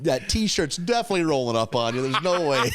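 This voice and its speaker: A man's voice: a little high, very animated, fairly quick, fairly bright tone. A man co-hosting a podcast in casual comedic chat, laughing often and joking crudely with plenty of swearing. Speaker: podcast co-host.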